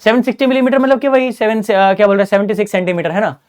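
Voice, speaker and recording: A man's voice: high-pitched, rapid-fire, clean tone. Chatty male physics teacher. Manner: chatty, slangy, keeps asking "है ना?". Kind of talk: casual online exam-prep lesson. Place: small closed studio.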